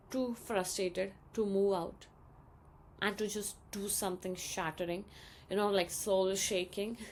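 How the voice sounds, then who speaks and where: A young woman with an Indian English accent, chatting casually in a storytime vlog, acting out quoted lines in a higher voice. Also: a little hiss or hum. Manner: chatty, many ums, acts out quoted dialogue in a higher voice. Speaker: vlogger.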